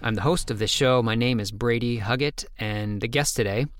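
A man's voice: mid-range voice, moderate pace. A man hosting a science podcast interview, speaking in a conversational way with frequent restarts. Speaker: podcast host.

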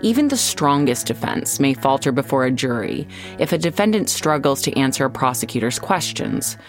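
Her voice is very deep. She's an American woman hosting a scripted true-crime podcast, narrating in a measured, storytelling style punctuated by deliberate pauses.

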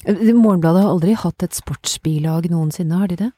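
A woman's voice: lowish voice, dark tone, breathy edge, no echo. A woman hosting a podcast, moving between scripted reading and conversation. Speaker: podcast host.

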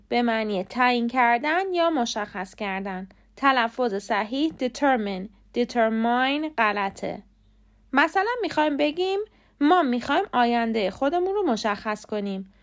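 A young woman whose first language is Persian teaches English pronunciation in a scripted podcast lesson. Her voice sits fairly high, and she slows right down to spell words letter by letter. She is close to the mic. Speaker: podcast host and English tutor.

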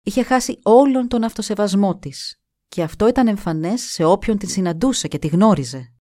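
A woman narrating a scripted story in a measured, expressive reading voice. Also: mid-range voice, no room sound, clean studio sound.

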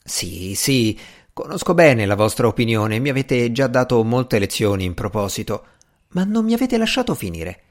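A man's voice: mid-range voice, very animated, moderate pace, lightly acted. A man reading the part of an ambitious, impatient young male magician in an audiobook, earnest and easily irritated.

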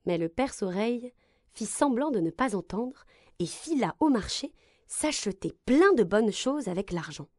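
A woman reads a children's story aloud with expressive, gentle narration. Her pitch rises and falls a lot as she tells it. The sound is dry and close, with no room echo. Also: a little slow.

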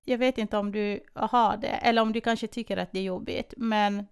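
A woman's voice: mid-range voice, fairly even intonation, vocal fry, clean tone. A woman in her thirties co-hosting a podcast, telling a story in casual chat and acting out the quoted dialogue with animation. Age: 30s. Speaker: podcast co-host.

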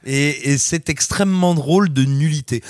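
A man reviewing a film in a casual podcast chat, animated and sarcastic as he mocks it. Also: a little high, normal speed, dry recording, studio quality. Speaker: film critic.

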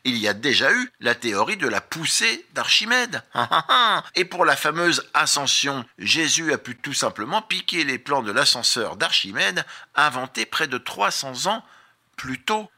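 A man's voice: on the high side, sing-song, a little slow, bright, forceful tone. A man hosting a scripted radio chronicle, reading facts and dropping jokey asides in a playful tone. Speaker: radio show host.

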